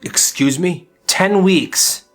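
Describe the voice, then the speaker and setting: A man's voice: high-pitched, takes it slowly, faint music behind, pitched above the performer's own voice. A man voicing a strict, rule-loving father who lectures his daughter. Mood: smug.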